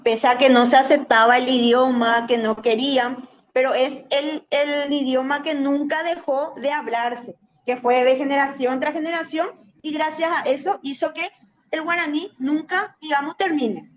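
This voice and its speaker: A Guaraní language teacher from Paraguay, speaking with a Paraguayan Spanish accent, answers a radio interviewer's questions as a guest. Her high voice holds fairly even intonation at normal speed, and her explanations keep ending with "¿verdad?".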